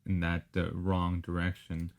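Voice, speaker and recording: A man with a lowish voice co-hosts a casual film podcast. He weighs his words and often pauses on "um" and "uh" before making his point. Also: monotone, creaky, a little mellow. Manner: measured, hesitant, with ums and restarts. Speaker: podcast co-host.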